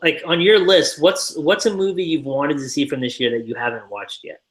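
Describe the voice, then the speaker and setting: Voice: mid-range voice, steady tone, fairly quick, slight background noise. Eager podcast host chatting. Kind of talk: casual chat.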